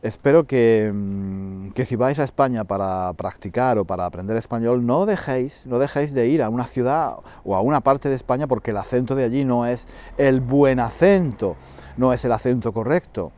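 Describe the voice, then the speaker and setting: A man hosting a podcast lesson for Spanish learners, repeating phrases slowly for his listeners. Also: medium pitch, darkish tone, dull audio. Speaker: podcast host teaching Spanish.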